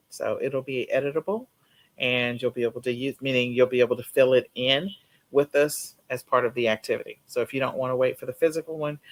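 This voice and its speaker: A man's voice: medium pitch, a bit bright. Guy cohosting a livestream, laid back, lots of ums. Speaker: co-host of a live seller stream. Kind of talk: casual live-stream chat.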